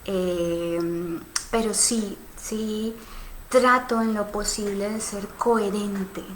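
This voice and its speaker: Extremely slow and fairly even in intonation, a medium-pitched woman speaks over slight background noise. In her thirties and from Cali, with a Colombian accent, she hosts a casual sexuality live stream, thinking aloud about viewer comments with many fillers and tag questions.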